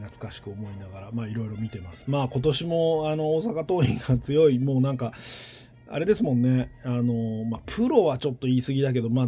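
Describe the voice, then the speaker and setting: A man in his forties from western Tokyo, speaking standard Japanese with a Kansai tinge, talks to nursery teachers in a casual solo monologue, rambling and thinking aloud with many pauses. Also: mid-range voice, warm tone, husky.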